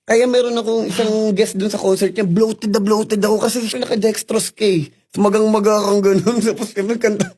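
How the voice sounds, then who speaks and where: Husky high-pitched man telling stories. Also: brisk, hardly any pauses. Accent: Filipino. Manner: animated, laughing, acts out quoted dialogue. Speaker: interview guest. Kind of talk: candid storytelling in an interview.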